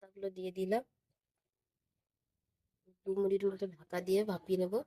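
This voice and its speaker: A woman with a voice hoarse from a cold, calmly narrating each cooking step in her home kitchen and repeating each one. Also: medium pitch, fairly quick, dry recording. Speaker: cooking channel host. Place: home kitchen with stove sizzling.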